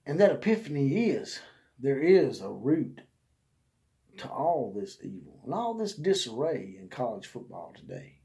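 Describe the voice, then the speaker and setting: A man's voice: mid-range voice, big pitch swings, a little slow, mellow. A man hosting his own sports channel, ranting in a folksy, preacher-like way and drawing out words for emphasis. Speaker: sports vlog host. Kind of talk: casual rant in a preacher's manner.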